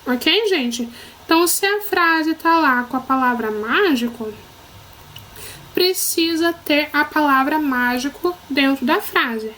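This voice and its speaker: A woman's voice: high-pitched, animated, slow pace, pushed and bright, slight background noise, low-quality recording. A woman teacher with a Brazilian Portuguese accent giving a recorded lesson to children, patient and encouraging, often checking that they follow.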